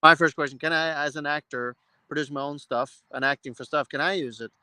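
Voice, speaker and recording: A man from Norway hosts a casual live chat, speaking eagerly in loose, rambling sentences. His voice sits a bit high and rings bright and forward. The sound is dry and close, with no room echo. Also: steady tone, fairly quick. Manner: enthusiastic, rambling with restarts. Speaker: host. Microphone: live-stream mic.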